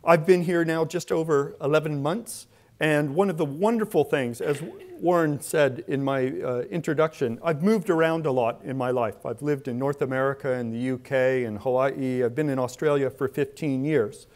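A middle-aged guest speaker gives a conversational public lecture in a large indoor hall, first at a lectern mic and then on a clip-on mic as he moves around. His voice sits on the high side, a little mellow, at a moderate pace.

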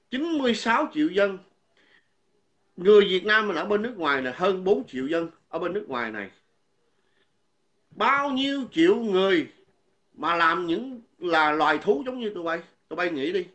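A man's voice: sits high, animated, normal speed, pauses often, a bit bright, lo-fi sound. A man delivering an angry, insulting monologue as a vlogger, repeating himself and stumbling over words. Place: living abroad.

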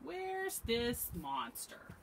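A woman voicing a calm but easily spooked male hedgehog in a read-aloud storybook. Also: drawn-out words, vocal fry, slight background noise, full character voice. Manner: calm, then shrill.

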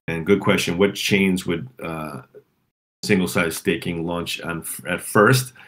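A man's voice: low-pitched, fairly even intonation, measured pace, a bit bright. A man with a sore throat hosting a casual community call, rambling with fillers and restarts.

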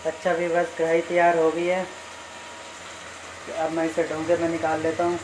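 A man's voice: on the high side, monotone, moderate pace, background noise. A young man narrating his home cooking step by step in a plain, matter-of-fact way, filmed on a phone in his kitchen. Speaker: cooking vlogger. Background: frying and sizzling in the pan.

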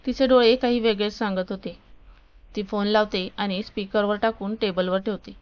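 Smooth-voiced woman narrating a story. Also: mid-range voice, fairly even intonation, moderate pace, dull audio.

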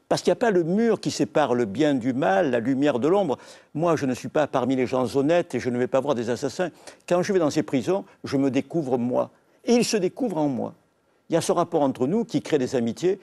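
A man's voice: mid-range voice, gravelly, dark tone. An older man with a southern French accent from Marseille, a novelist guest telling stories earnestly on a TV book show. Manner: storytelling, earnest, quotes and repeats phrases. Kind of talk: televised literary talk. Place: TV studio.

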